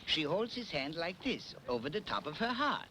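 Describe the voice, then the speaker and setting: An easygoing expedition writer. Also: male voice, on the high side, big pitch swings, moderate pace, pushed and bright. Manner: easygoing, explaining. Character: friendly, fussing male expedition writer. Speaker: expedition member. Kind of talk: dubbed film acting. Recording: old film dub with noise.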